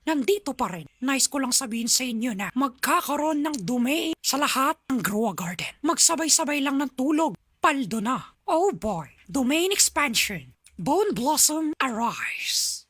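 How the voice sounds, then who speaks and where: A man's voice: very high-pitched, sing-song, unhurried, fairly bright tone, slightly rough, dry recording, pitched above the performer's own voice, exaggerated voice. A man voicing a cheerful cartoon mouse, talking in a chirpy, announcer-like way.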